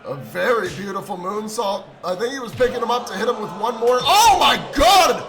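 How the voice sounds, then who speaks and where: A man doing excited wrestling commentary who erupts into shouts at big moves. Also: sits high, a little fast, low-quality recording. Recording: over loud crowd and music. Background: crowd noise and music.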